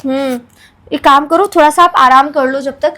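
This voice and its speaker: A woman's voice: sits high, steady tone, moderate pace, background noise. A young woman playing a worried mother in a home family vlog skit, fussing over her child and repeating her name.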